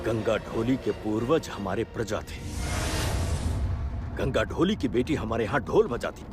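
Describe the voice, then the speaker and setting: An actor playing a proud, short-tempered landowner and head of the house, shouting orders and indignant complaints in a TV serial. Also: male voice, fairly low pitch, expressive, unhurried, over music. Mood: seething.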